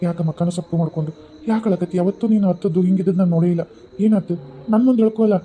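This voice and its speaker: A man's voice: sits high, rapid-fire, narrow, tinny audio, a little hiss or hum, natural voice. A man with a North Karnataka accent voicing a doting, playful young husband in a cartoon who teases affectionately. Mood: coaxing. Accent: North Karnataka Kannada. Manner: teasing, affectionate. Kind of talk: cartoon voice acting.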